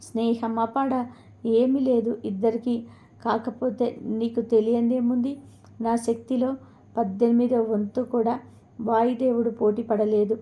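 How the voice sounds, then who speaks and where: A woman's voice: a little high, level tone, a little slow, dull audio, close to an everyday voice. Woman voicing a boastful giant tree. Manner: boastful, scornful. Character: proud boastful giant silk-cotton tree, female.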